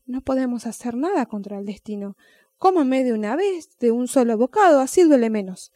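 In a storybook reading, a woman voices a crafty, patient old male snail, coaxing and lecturing in a raised, fairly high voice. Her delivery is expressive, warm and insistent at a normal speed, and the recording sounds dry and close.

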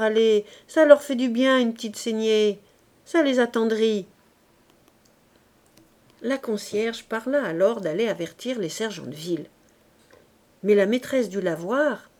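A woman with a French accent reading a classic novel aloud as narration, raising her voice for the characters' shouts. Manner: acts out the characters' shouts with raised pitch and volume. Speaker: audiobook reader.

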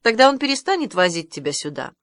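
Stubborn teen girl, matter-of-fact, voiced by a woman reader, mid pitch, dry booth. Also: very animated, fast talker, a bit bright, no echo. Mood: insistent.

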